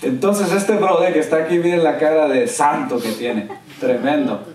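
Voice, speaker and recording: A man preaching a sermon as a pastor, telling a story and acting out what people said with an excited, animated delivery. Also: on the high side, normal speed. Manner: animated storyteller, quoting others with raised excited voice. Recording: roomy church sound, from a distance.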